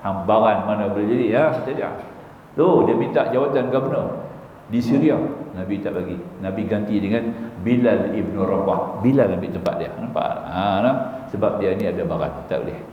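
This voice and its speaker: A man's voice: on the low side, brisk. A man giving a religious lecture, telling stories with humor and often asking the listeners whether they see his point. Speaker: religious teacher. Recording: echoey hall, dull lo-fi sound, faint hiss.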